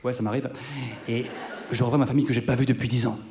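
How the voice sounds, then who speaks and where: A man's voice: mid-range voice, fairly even intonation, fast, warm tone, slight background noise. A man in his thirties doing live stand-up comedy on a theater stage, chatting with the audience and mocking himself. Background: guitar music.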